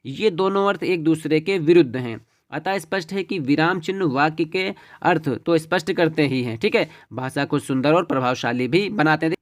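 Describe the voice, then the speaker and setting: A man teaching an exam-prep lesson, walking through questions and checking in with "ठीक है" and "देखिए" as he goes. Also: fairly high pitch. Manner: repeats "ठीक है" and "देखिए" as he explains.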